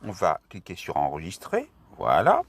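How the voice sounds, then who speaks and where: A man's voice: deep voice, wildly swooping pitch, normal speed, slight background noise. A man presenting an app, narrating a step-by-step screen tutorial.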